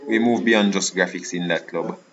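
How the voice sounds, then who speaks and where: A man's voice: deep voice, fairly even intonation, moderate pace, a crowd in the background. A young man, a student recording his screen tutorial in a computer lab, chatting and teasing classmates in a joking way. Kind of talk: casual classroom chat. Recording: dull lo-fi mic, loud room noise.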